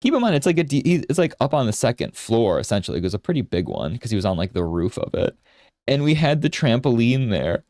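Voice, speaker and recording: A man's voice: mid-range voice, very animated, fast, a little mellow, dry recording, clean studio sound. A man in his thirties giving a casual live art lesson while drawing, rambling into anecdotes and often checking in with "right?". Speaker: art streamer and instructor.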